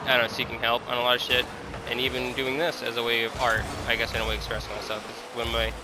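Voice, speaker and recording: This young gaming creator, aged twenty-one, speaks fast in a monotone, mid-range voice against a noisy background. He chats casually and candidly during gameplay, sounding hesitant and self-deprecating while he looks for the right words.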